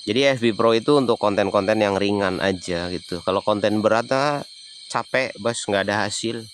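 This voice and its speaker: On his livestream, a man from Banyumas in Central Java casually responds to viewer comments in a Javanese accent. He explores while talking, his voice on the low side at a moderate pace, with a touch of hiss or hum.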